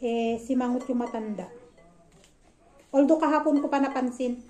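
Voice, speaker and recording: A woman's voice: high-pitched, moderate pace. A woman vlogger animatedly retelling a family quarrel in casual storytelling, recorded in a roomy room at home with faint noise. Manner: animated, gossipy retelling with quoted dialogue.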